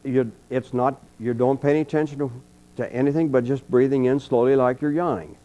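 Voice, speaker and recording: Older man, mellow dark voice, folksy calm teacher, leading a class, dull lo-fi archive tape. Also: medium pitch, a little fast. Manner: folksy, anecdotal, calm coaching. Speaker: trumpet teacher giving a clinic. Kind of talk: storytelling and leading a breathing exercise. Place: college clinic room with an audience.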